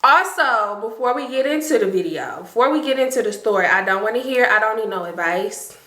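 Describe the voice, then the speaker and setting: A woman's voice: a little high, animated, fairly quick, fairly bright tone, roomy sound, low-quality recording. A woman in her late twenties telling a storytime to her viewers in casual chat, chatty and emphatic. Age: late 20s.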